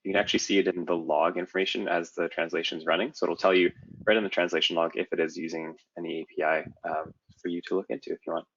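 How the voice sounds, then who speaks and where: A man with a very deep, husky voice speaks quickly and flatly on a webinar. The sound is dry and dull, like a video call. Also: no room sound. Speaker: support specialist. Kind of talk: casual webinar explanation.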